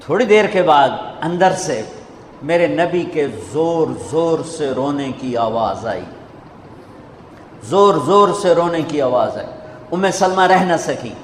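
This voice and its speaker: A man preaching a sermon, telling a story with emotion and rising to fervent emphasis. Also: on the high side. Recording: echoey hall reverb, faint background noise.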